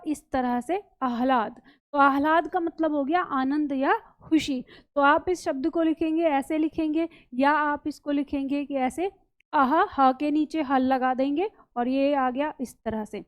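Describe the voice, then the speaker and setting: A woman with a high, light voice teaches a spelling lesson. She talks patiently, saying each word slowly and often checking that the class has understood. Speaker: Hindi teacher. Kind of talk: spelling lesson, explaining words step by step.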